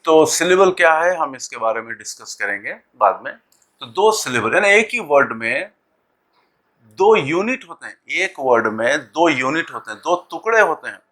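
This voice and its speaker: A man teaching English pronunciation in a lesson, talking deliberately, repeating sounds and words with many pauses. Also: on the high side, animated, sharp tone. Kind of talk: classroom lesson explaining pronunciation.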